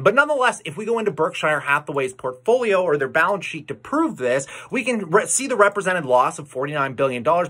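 A man's voice: fairly high pitch, pushed and bright, breathy edge. A young man hosting an investing video, talking casually and energetically to the camera, often calling viewers "guys". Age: young adult. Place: indoor room.

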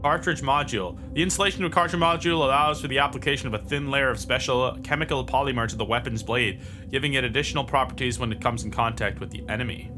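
Over game sounds and music, a male gameplay commentator talks fast in a mid-range voice. His let's-play commentary is casual and chatty as he thinks aloud and swears now and then.

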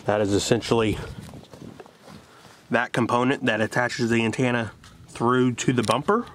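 This DIY vlog host has a mid-range, slightly bright voice with a steady tone and a normal pace. He casually walks through a hands-on job in short, plain steps, holding the camera at arm's length in a yard and in a parked vehicle. The handheld camera records clear ambient noise.

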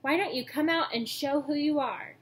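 A woman's voice: sits high, moderate pace, voice pushed up, natural voice. A young woman voicing an eager, brash boy trainer in a storybook, exclamatory and determined. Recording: noisy home webcam recording.

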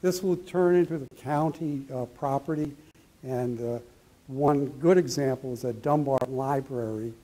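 A man's voice: mid-range voice, measured pace, mellow. A middle-aged man presenting a library project at a town hall meeting, explaining plans and answering audience questions on a handheld mic in a meeting room. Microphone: handheld microphone.

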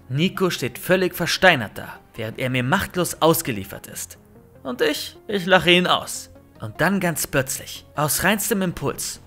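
A man reading a first-person horror story aloud in an expressive, lively storytelling manner. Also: a little high. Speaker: narrator. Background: faint music.

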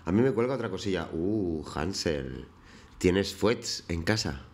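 A man's voice: low voice, expressive, unhurried, a little mellow. A man chatting casually with his viewers on a live stream, greeting them by name while he paints.

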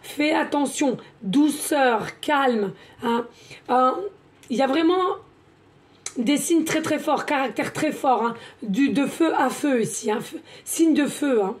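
A woman talks through a tarot card reading. She is chatty, repeats words and fills pauses as she goes. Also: sits high. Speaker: card reader, medium.

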